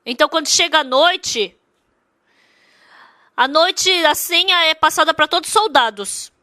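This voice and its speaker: A woman's voice: high-pitched, expressive, measured pace, bright, forceful tone, no echo, clean studio sound. A woman interprets a sermon. She speaks emphatically, repeats her points and asks the congregation many rhetorical questions.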